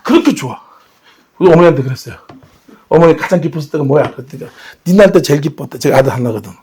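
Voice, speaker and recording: A middle-aged male pastor preaching a sermon in a church, telling family stories with shouting bursts and acted voices. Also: on the high side, very fast, a little hiss or hum. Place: church sanctuary.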